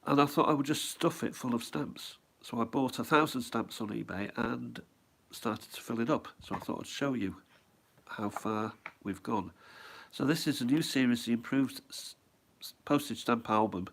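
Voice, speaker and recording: A middle-aged man's voice, medium in pitch, moderately paced, creaky and a bit bright. Home with a head cold, he shows off his stamp album in casual show-and-tell, musing aloud, meandering, and querying himself.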